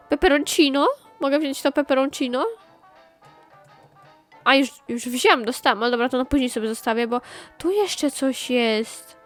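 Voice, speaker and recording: A woman with a slightly high voice talks her way through a video game, chatty and excitable, firing off quick exclamations and repeating herself as she plays. Soft game music runs faintly behind her. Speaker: gaming channel host. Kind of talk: excited gameplay commentary.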